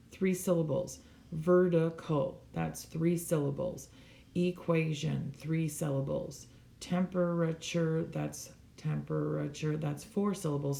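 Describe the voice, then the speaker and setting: A woman's voice: sits low, creaky, warm tone, echoey room. A woman teacher talks a class of sixth graders through a language review, explaining each answer patiently, step by step. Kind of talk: recorded classroom lesson walkthrough. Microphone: tablet microphone.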